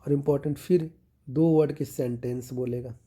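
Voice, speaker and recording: A man lectures as a medical exam tutor, his voice very dark and mellow in tone, at an average pitch. He walks through each point with mnemonics and checks in often. He slows down and lowers his voice on the key terms. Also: fairly even intonation. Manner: explanatory, checks in with "theek hai" after each point.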